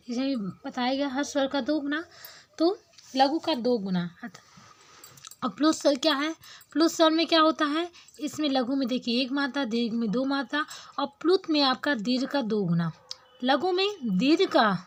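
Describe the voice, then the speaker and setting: A woman, teaching a grammar lesson patiently, repeating terms and drawing out vowel sounds as examples. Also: sits high. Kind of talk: explanatory lesson.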